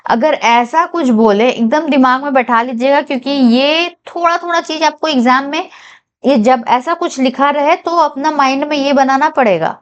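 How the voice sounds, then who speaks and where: A woman teaching a whiteboard reasoning lesson, reading each English statement slowly and carefully and checking in with her viewers. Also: high voice, muffled recording. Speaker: reasoning tutor for bank exams.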